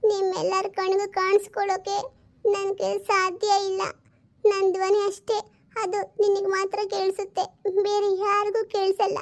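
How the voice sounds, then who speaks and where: A woman voicing the gentle, sorrowful ghost of a dead wife who speaks unseen, pleading slowly and tenderly. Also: very high voice, completely flat delivery. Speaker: spirit speaking unseen to her husband.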